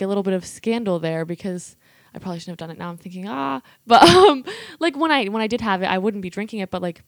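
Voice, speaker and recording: A young adult woman co-hosting a podcast in natural, unscripted casual talk, hesitant and halting as she speaks. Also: medium pitch, dry recording. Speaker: podcast co-host.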